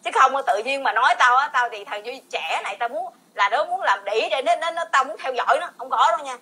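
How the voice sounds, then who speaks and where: Her high, animated voice comes out fast, pushed and bright, slightly rough around the edges. The speaker is a woman in her forties with a Southern Vietnamese accent, heatedly ranting in a rambling, repetitive vlog and laughing in bursts.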